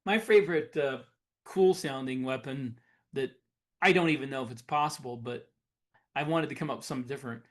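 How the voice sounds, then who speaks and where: A podcast co-host with a medium-pitched, slightly fast voice chats casually. He explains things informally and frequently corrects himself mid-stream.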